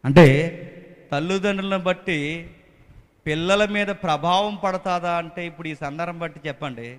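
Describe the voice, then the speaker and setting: A man preaching as a pastor in a fervent sermon, swinging between loud exhortation and hushed pleading into a microphone. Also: high voice, a little fast, clear, resonant tone, in a large hall.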